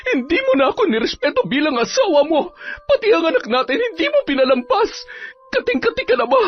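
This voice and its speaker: A woman voicing a furious wife who has been betrayed, shouting through tears in a dramatized story. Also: very high-pitched, very animated, fast, highs cut off, soft background music. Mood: furious, tearful.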